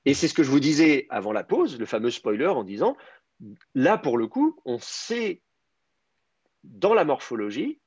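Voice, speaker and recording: A man's voice: mid-range voice, big pitch swings, normal speed, darkish tone, slightly rough, no echo, highs cut off. A man teaching a Hebrew grammar class online, explaining step by step and thinking aloud with many hesitations.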